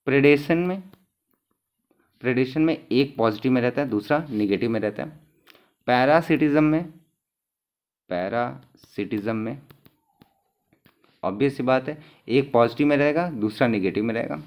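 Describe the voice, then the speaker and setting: A man's voice: medium pitch, moderate pace, pauses often, a little mellow. A man, teaching exam material and answering his own questions, repeating each key term as he goes.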